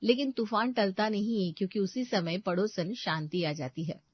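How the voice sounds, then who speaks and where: A woman narrating a cartoon story in a dramatic, expressive way. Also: mid-range voice, moderate pace. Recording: dull lo-fi voice track.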